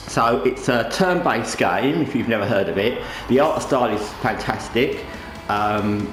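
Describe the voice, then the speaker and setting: A man hosting a gaming channel in casual, rambling commentary, talking with a towel over his head. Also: on the low side. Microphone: microphone under a towel draped over the head. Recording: roomy echo, faint background noise.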